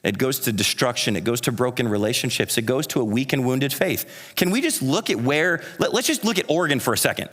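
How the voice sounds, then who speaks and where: A man's voice: medium pitch, expressive, brisk, hardly any pauses, a bit bright. Earnest preaching man in a reverberant hall. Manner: earnest, conversational preaching with rhetorical repetition. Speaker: pastor. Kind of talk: sermon. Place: church sanctuary.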